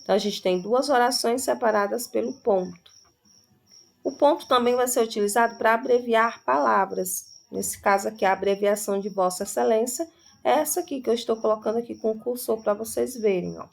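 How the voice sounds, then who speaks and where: A woman teacher talks through a grammar lesson at an easy pace. Her voice sits a little high and has a gravelly fry. She keeps pausing to check that her students are following. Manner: explains slowly, often checks in with "tá?".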